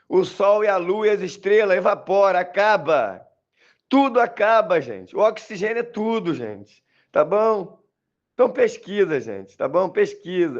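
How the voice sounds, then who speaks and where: A man's voice: high voice, highs cut off. A man with a Brazilian Portuguese accent recording a voice message, talking insistently and repetitively to his listeners. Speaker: religious commentator. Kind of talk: voice message monologue.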